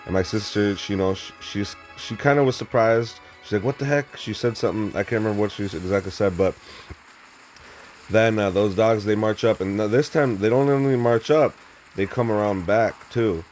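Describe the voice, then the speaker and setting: A man's voice: on the low side, fairly even intonation, moderate pace, darkish tone, faint music behind. A young man telling a story in a rambling, blunt and profane monologue, full of restarts and fillers. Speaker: vlogger.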